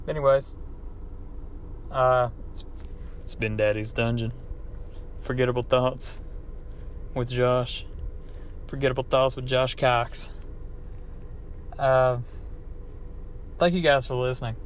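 Man, Appalachian hillbilly accent, medium pitch, rambling casual podcast host, sweary, self-deprecating, recorded in a car, faint background noise. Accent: Appalachian hillbilly American. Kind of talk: casual unscripted monologue. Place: inside a car.

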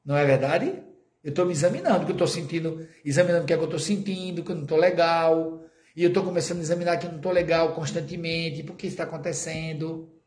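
A man's voice: a little high, fast talker, a little mellow, roomy sound. A man with a Brazilian Portuguese accent giving a conversational spiritist lecture, often asking the audience questions and joking with them.

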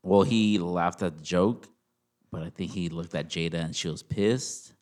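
A man's voice: deep voice, a little slow, darkish tone. A man co-hosting a casual podcast chat, laid-back and drawling. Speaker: podcast co-host.

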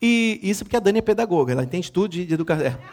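A middle-aged man, a bishop preaching a sermon, telling family stories in a playful, animated way with sudden loud exclamations. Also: sits high, very fast. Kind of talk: sermon with comic family storytelling.

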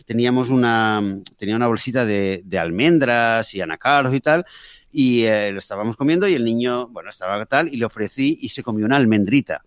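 A man's voice: mid-range voice, a little fast, clear, resonant tone, dry recording. Rambling man telling a story, dry sound. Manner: rambling, storytelling with many fillers and restarts. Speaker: podcast co-host; father of daughters. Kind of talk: casual chat.

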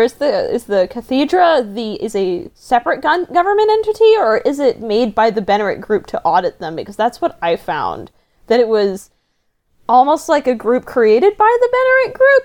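Lively higher-voiced woman chatting. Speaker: returning podcast guest. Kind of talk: casual fan chat.

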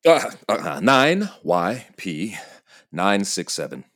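Man playing a frazzled, stammering low-voiced airline customer. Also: big pitch swings. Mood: frustrated, weary. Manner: halting, stammering, exasperated. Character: anxious, frazzled divorced male airline passenger at breaking point. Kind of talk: naturalistic comedic drama acting.

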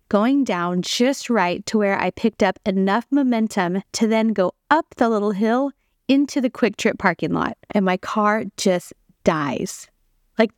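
A woman's voice: medium pitch, no echo, studio quality. A woman hosting a podcast, telling a personal faith testimony in an earnest, conversational way and speaking straight to her listeners. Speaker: podcast host sharing a testimony.

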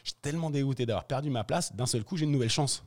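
A man tells a story in a casual interview, rushing through it at a quick clip in loose slang. He switches into other people's voices to play out the scenes, with a mid-range pitch that sits right in the middle. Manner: animated, slangy, acts out scenes. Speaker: professional freeride skier.

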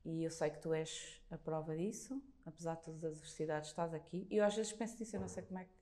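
A woman with a European Portuguese accent and a mellow, relaxed timbre. Her voice sits a little low. She talks reflectively and earnestly, offering encouragement as a guest in a personal conversation. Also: fast talker. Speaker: podcast guest, workshop leader.

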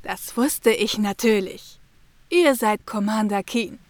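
A woman's voice: mid-range voice, no room sound, close to an everyday voice. A woman voicing a smug, elderly, know-it-all fortune-teller in a fan radio play. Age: older. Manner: self-satisfied, slow and deliberate. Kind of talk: amateur radio play acting.

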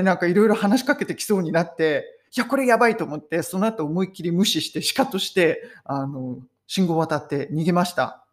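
A woman teaching English phrases in a casual, chatty way, laughing often and slowing right down to model English sentences. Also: fairly low pitch. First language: Japanese. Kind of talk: casual spoken English lesson.

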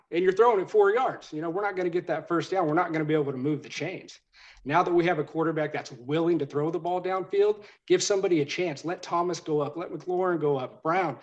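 Fast-talking man in his thirties. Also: on the high side, dull audio. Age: 30s. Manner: excited, swears casually. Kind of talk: casual sports chat.

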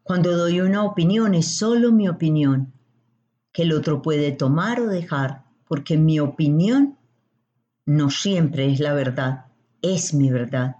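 A woman explains how to support others emotionally, in a calm, measured voice that often turns to rhetorical questions. Her voice is low and mellow and she talks slowly. The recording sounds dull and lo-fi. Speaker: emotional coach. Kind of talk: slow explanatory talk. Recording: dull lo-fi audio.

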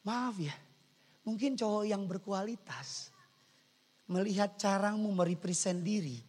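A man preaching as a pastor, animated and joking, swinging from quiet asides to loud shouts. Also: sits high, measured pace. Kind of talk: sermon. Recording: long church-hall reverb.

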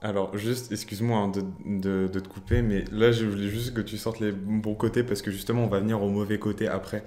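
A man's voice: on the low side, flat delivery, fairly quick, few pauses, dark tone. A young adult man hosting a casual podcast debate, asking the questions and steering the topic, talking hesitantly with many fillers and restarts. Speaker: podcast host.

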